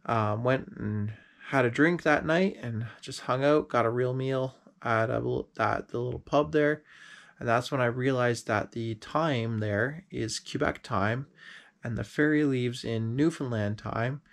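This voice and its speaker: A man's voice: medium pitch, a little slow, gravelly. A man narrating a road trip in voice-over, easygoing, with ums.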